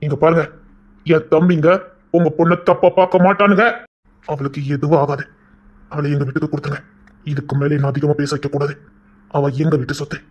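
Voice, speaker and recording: A man's voice: on the high side, level tone, a little fast, pauses often, natural voice. A man voicing a domineering young man from a gangster family who insists on marrying a girl. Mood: commanding. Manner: commanding, insistent. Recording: dull lo-fi audio.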